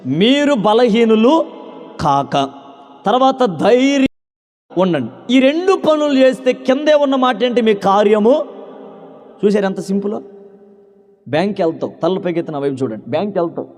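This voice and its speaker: Male pastor, high voice, moves between quiet storytelling and loud calls, recorded in a reverberant church hall. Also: big pitch swings, normal speed, long pauses, faint music behind. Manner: shifts from loud preaching to low conversational storytelling, calls for hallelujah. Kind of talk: sermon. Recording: long reverb of a large hall.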